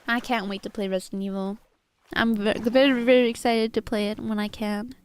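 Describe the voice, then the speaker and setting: A woman's voice: fairly high pitch, fairly even intonation, fairly quick, clean tone. A woman streaming a game, speaking in a stiff, formal put-on character accent while greeting raiders and chatting. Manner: greets raiders and chat warmly. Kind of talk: live gaming stream chat.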